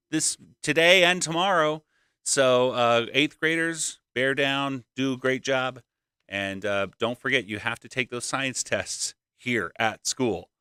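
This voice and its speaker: Man, school announcer, bright and crisp, dry close sound, playful upbeat delivery. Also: mid-range voice, dry recording. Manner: upbeat, playful, reading notes aloud. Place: school library.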